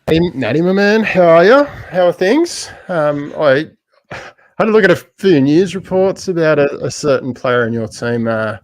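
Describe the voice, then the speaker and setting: A man co-hosting a casual sports podcast, talking in a blokey, sweary, halting way with his mates. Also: a little high, expressive, dry recording. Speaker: podcast co-host.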